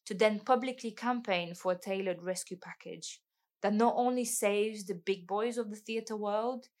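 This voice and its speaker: Articulate woman podcast host over soft music. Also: mid-range voice. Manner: articulate, argumentative. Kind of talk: scripted narration.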